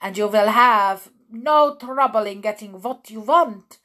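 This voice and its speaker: The shrieking Grand High Witch. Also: measured pace, a bit bright. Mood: scheming. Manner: shrieking, screeching, foreign-sounding broken English. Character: tiny furious female Grand High Witch.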